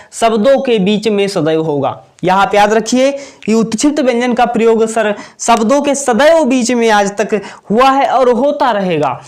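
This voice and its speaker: A man teaching an exam-prep lesson at a whiteboard, asking questions and answering them himself, repeating key points. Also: very high-pitched. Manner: repetitive, asks and answers own questions.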